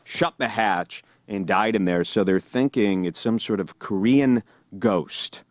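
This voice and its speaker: A man hosting a podcast, telling stories in casual chat and jumping high in pitch when he mimics other people. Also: a little slow, dry recording. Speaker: podcast host.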